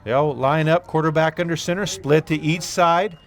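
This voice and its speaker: A man doing play-by-play commentary on a local football game, calling plays briskly with relaxed asides. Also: on the high side. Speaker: play-by-play announcer.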